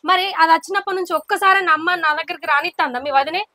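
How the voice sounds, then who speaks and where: A woman acting out a sharp-tongued village wife in a short film. Her voice is very high and bright, and she complains at speed. The sound is dry and close. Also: fast talker, no room sound. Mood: bitter. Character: resentful village wife, mother of a small girl. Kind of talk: village family drama acting.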